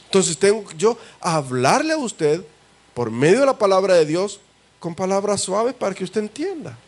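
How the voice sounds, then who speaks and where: Salvadoran pastor preaching, fairly high voice. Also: male voice, big pitch swings, normal speed. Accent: Salvadoran Spanish. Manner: conversational, asks the congregation rhetorical questions and calls them brother. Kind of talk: sermon.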